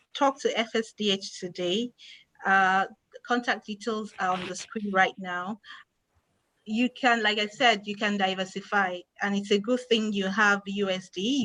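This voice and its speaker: A woman's voice: mid-range voice, a bit bright, rough recording. A woman, answering audience questions as an investment expert, patient and plain, stressing key words. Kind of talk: explanatory Q&A answers.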